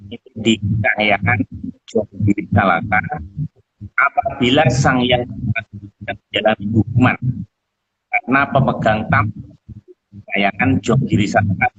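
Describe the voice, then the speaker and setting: A man on an online call whose audio keeps breaking up, reading a passage aloud in a halting, stumbling way. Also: fairly low pitch, a bit bright, breathy edge, dull audio. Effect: choppy, breaking-up internet call audio.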